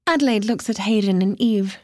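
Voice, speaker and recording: A woman's voice: medium pitch, a little fast, no room sound, studio quality. A woman giving scripted narration of a story in a playful storytelling manner.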